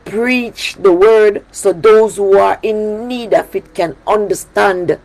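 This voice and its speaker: A Jamaican pastor with a Jamaican accent preaches a sermon on her prayer broadcast, emphatic and repeating key phrases. Her medium-pitched voice is slow and a little mellow, and the audio is poor.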